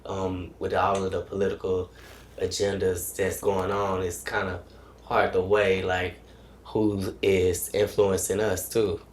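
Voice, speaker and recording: A man in his thirties from Texas speaks on a panel in a halting way. His voice is very deep and flat, with faint room ambience behind it. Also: a little hiss or hum. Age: 30s. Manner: halting, hesitant. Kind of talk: panel discussion.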